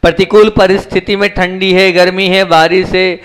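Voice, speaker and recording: A man's voice: flat delivery, moderate pace, a bit bright, clear, resonant tone. Resonant male monk preaching. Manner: asks the audience questions and answers them himself; acts out dialogue in a story with shifting pitch. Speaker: Jain monk giving a discourse. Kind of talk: sermon.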